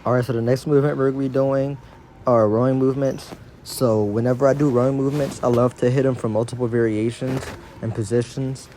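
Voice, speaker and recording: A man's voice: mid-range voice, steady tone, fairly quick, mellow, a little hiss or hum. A man giving a casual, slangy exercise tutorial as a fitness instructor, his speech slightly impeded by dental braces.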